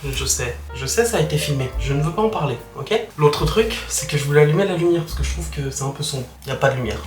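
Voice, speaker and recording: Hushed, quick-talking young-sounding male vlogger indoors. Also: fairly high pitch, expressive, echoey room, faint music behind. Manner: hushed, keeping his voice down. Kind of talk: casual chat to camera. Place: small hotel room. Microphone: camera microphone, no dedicated mic.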